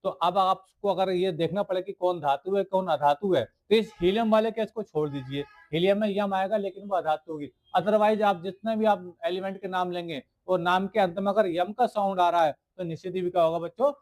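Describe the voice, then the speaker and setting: A man with a fairly high voice gives a recorded science lesson to school students. He keeps asking the class questions, answers them himself and says each key word over again, as if drilling it. He writes on the screen as he talks. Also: a little fast, hardly any pauses, darkish tone. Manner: writes on the screen while explaining. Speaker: teacher. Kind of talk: video lecture to school students.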